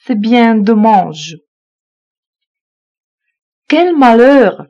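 Female phrasebook reader, slow and even, mellow tone, lo-fi dull recording. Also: fairly high pitch. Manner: reads each phrase twice, evenly. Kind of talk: slow repeated phrasebook reading.

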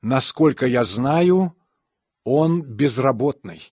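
A man's voice: medium pitch, slow pace, breathy edge, dry recording, studio quality. A man reading translated example sentences evenly and carefully for a language course. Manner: even, careful enunciation. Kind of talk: scripted phrase reading.

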